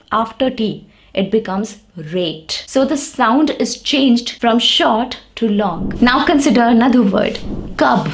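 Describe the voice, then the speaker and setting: A woman teaching an English pronunciation lesson, saying example words slowly and repeating them for practice. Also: a little high. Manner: slow, deliberate, repeats words for drill.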